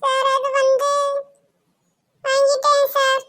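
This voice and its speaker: A cocky teenage cartoon schoolboy brags to a girl and waves off his friend. His voice sits very high and bright. He talks. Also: completely flat delivery, takes it slowly, full character voice. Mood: nervous, pleading. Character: boastful teenage schoolboy show-off.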